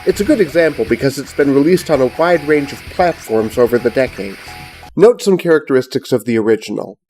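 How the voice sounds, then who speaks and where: A middle-aged man, giving scripted, measured and precise review narration as host of a retro gaming show. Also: mid-range voice, expressive, darkish tone, soft background music.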